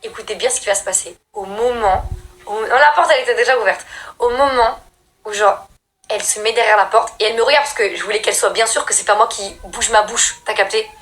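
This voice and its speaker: Young woman from France, casual storyteller, slangy, animated, swings into high loud bursts. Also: quick pace, a little hiss or hum. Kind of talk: casual scary-story telling. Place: at home doing makeup.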